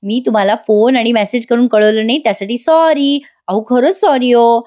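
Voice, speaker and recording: A hoarse woman voicing a playful, teasing young wife in a TV-review retelling. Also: a little high, normal speed, a little mellow, natural voice. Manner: teasing, coaxing.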